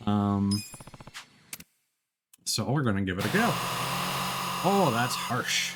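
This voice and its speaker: Speaking slowly in a lowish voice yet very animated, a video game livestreamer thinks aloud and pokes fun at himself while commentating. His headset mic picks up a very noisy signal.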